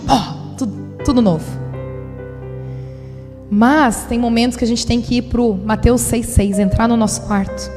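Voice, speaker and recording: A woman pastor in her thirties giving a sermon testimony, telling her story with animation and acting out her own thoughts. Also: on the high side. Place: church conference hall. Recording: live church recording with long hall reverb.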